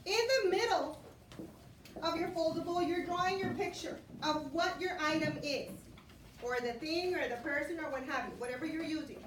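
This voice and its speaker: An elementary school teacher with a very high voice gives classroom instruction to young children indoors, prompting them with lots of questions and repeated instructions at a normal speed. The recording is roomy and distant, with an echoey classroom and clear noise.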